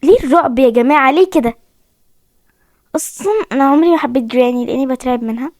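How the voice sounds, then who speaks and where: While gaming on video, a young Egyptian woman chats with her viewers through a horror game, her Egyptian Arabic accent evident as she keeps saying she's frightened. She speaks fast in a high, slightly mellow voice. The sound is clean studio audio with no echo.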